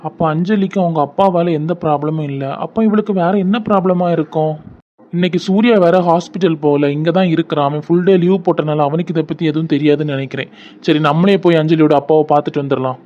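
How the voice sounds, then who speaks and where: Guy doing a friendly young office boss, kanyakumari tamil accent, highish voice, lo-fi. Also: steady tone, fast talker, lightly acted. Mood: puzzled. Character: young male office team leader, polite. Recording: lo-fi dull audio.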